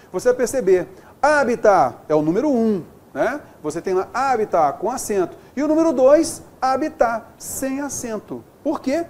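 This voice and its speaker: Animated male grammar teacher, lively pitch. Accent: Brazilian Portuguese. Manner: animated, drawing out example words slowly, addressing students directly. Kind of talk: lively classroom-style lesson.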